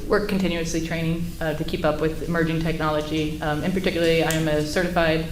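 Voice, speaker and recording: A woman's voice: low-pitched, flat delivery, fast. A woman giving courtroom testimony as an expert witness, explaining things in procedural terms. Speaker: expert witness, sheriff's intelligence commander. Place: indoor courtroom. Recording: echoey room with faint noise.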